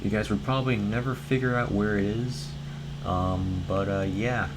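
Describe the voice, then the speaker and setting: A man's voice: lowish voice, steady tone, moderate pace, background noise. A man hosting his gaming channel, giving a casual, rambling tour of a Minecraft build in a worn, strained voice with many fillers.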